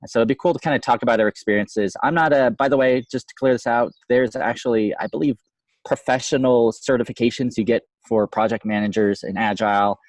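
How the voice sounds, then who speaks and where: A man's voice: medium pitch, fairly even intonation, a little fast, no echo. A man co-hosting a casual podcast discussion, his voice slightly fuzzy and distorted from too much microphone gain. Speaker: podcast co-host, software developer. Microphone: close microphone with gain too high.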